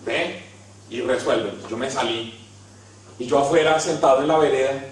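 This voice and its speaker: A man with a Colombian accent preaching, telling funny stories about himself and swinging between hushed and loud. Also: medium pitch, normal speed. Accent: Colombian Spanish. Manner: storytelling, self-mocking, swings from hushed to loud. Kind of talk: humorous sermon. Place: large hall. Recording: very echoey hall, mic at a distance.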